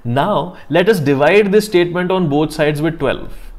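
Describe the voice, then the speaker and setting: A man with a North Indian accent teaching a live online class step by step, deliberate, repeating himself and often checking understanding with questions. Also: a little high. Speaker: chemistry teacher.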